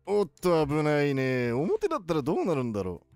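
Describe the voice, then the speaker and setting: A man voicing an excitable elderly cartoon professor, giving playful video game commentary with drawn-out words. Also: fairly high pitch, soft background music. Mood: excited. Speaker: gaming video host.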